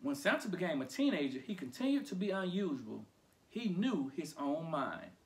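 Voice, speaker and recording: A man reading a children's picture book aloud for storytime, playful and animated. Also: a little high, normal speed.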